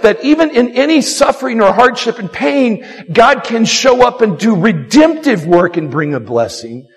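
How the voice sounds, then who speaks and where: A man preaching a sermon as pastor, animated and acting out quoted lines, often repeating himself. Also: sits high. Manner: animated, acts out quotes, frequent repetitions. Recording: long hall reverb.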